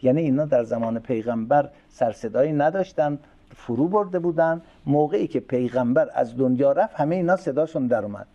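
A man giving a religious lecture. He recites Arabic phrases slowly, then explains them quickly and asks rhetorical questions. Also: mid-range voice, dark tone, lo-fi sound. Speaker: preacher explaining a classical sermon text.

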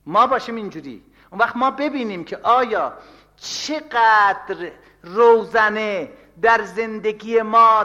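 A man preaching a sermon, swinging from loud, impassioned declarations to hushed, murmured replies. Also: medium pitch, highs cut off.

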